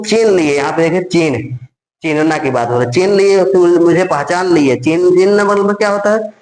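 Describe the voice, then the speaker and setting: Male tutor, mnemonic lesson, repeats and quizzes himself, slightly high voice, echoey room. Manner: repetitive, drills phrases over and over, asks and answers himself. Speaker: teacher. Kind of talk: exam-prep mnemonic lesson.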